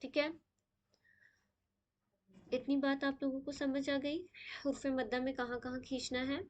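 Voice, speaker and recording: A woman teaching tajweed to a live online class, her voice sitting high. She talks over a video call and keeps checking in with her students. She sprinkles English words into her explanations. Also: flat delivery, muffled recording. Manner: checks in often with "okay?", mixes English words.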